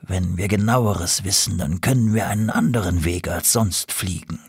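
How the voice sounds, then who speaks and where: A man's voice: low-pitched, normal speed, creaky, slightly rough, no room sound, studio quality, exaggerated voice. Man doing an uneasy male crow. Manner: soft, uneasy, hesitant. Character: anxious male hooded crow.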